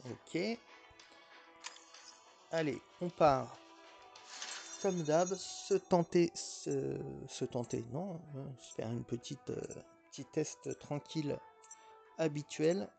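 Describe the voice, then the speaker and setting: A man's voice: fairly high pitch, takes it slowly, vocal fry, pauses often, dark tone, faint music behind. A man giving casual, rambling gameplay commentary as a mobile gaming YouTuber, with frequent hesitations and restarts.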